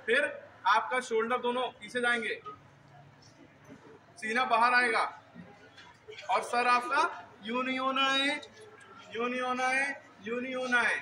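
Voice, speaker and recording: A man's voice: extremely high pitch, little pitch movement, a little slow, pauses often, bright, forceful tone, a little hiss or hum, poor audio. A male school teacher explaining drill positions to students step by step, often checking if they understand. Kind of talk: classroom drill instruction.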